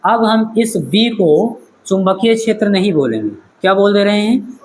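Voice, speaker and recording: A man's voice: high voice, animated, normal speed, slight background noise, poor audio. A man teaching a physics class in a classroom-lecture style, asking questions and checking that the students follow. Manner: questioning, checks understanding, calls students "beta".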